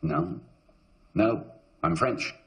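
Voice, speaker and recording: An actor playing a defiant suspect who claims to be a French-Canadian cop and talks cockily, breaking into swearing French. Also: male voice, fairly low pitch, expressive, drawn-out words, vocal fry, a bit bright, full character voice.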